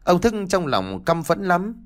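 A man narrating an audiobook story in an expressive, dramatic way. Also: high voice, measured pace.

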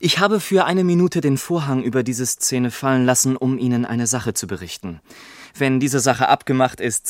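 A man's voice: mid-range voice, no room sound, studio quality. A man narrating a classic radio play in a wry storytelling manner. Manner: wry storyteller, bursts into excited quoted outcries.

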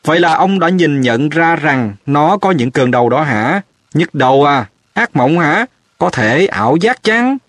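A man voicing a stubborn, indignant middle-aged male minister who blusters in a raised, husky voice. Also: on the high side, animated, measured pace, fairly bright tone, dry recording, pitched above the performer's own voice. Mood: mocking.

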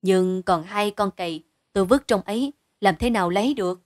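A woman's voice: mid-range voice, a little fast, darkish tone, natural voice. A woman voicing a grown male village hunter in a storybook reading, speaking in a grumbling, pressing way. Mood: urgent.

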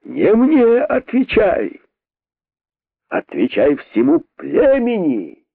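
A man's voice: on the low side, big pitch swings, extremely slow, husky, no echo, heavily acted. A grim, pompous rabbit king scolds and accuses with theatrical weight, voiced by a man reading a storybook. The sound is narrow and phone-like, with no room around it. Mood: sarcastic accusing.

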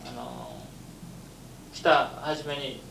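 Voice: mid-range voice, huge pitch swings, extremely slow, creaky. An interviewer asking questions conversationally, hesitating and searching for words. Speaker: oral history interviewer. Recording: echoey, distant, noisy interview tape.

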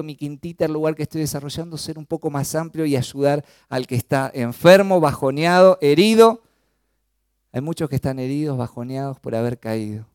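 Argentine guy preaching, fairly high voice, gets loud then drops real low, dry close sound. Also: clean tone, no echo. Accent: Argentine Spanish. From Chaco, Argentina. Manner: animated preaching, rising to emphatic peaks then dropping low. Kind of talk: sermon.

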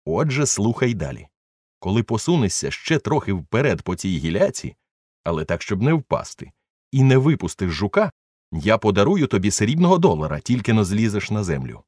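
A man voicing an excitable eccentric gentleman who gives urgent commands, for an audiobook. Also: on the low side, moderate pace, no echo, clean studio sound.

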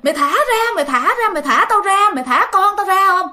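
Woman doing a shrieking, panicked mother. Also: brisk. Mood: frantic screaming. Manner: shrill, frantic shouting. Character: terrified mother screaming at a ghost.

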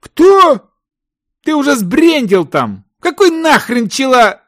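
A man voicing a grumpy desert merchant who loudly scolds his partner. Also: a little high, wildly swooping pitch, normal speed, pitched above the performer's own voice. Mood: mocking. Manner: loud, shouting, mocking.

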